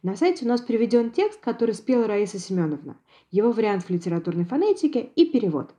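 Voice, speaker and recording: A woman, a Yiddish language expert, giving a precise, measured scripted lecture on dialects. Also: a little high, sing-song, dark tone. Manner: measured, precise academic delivery.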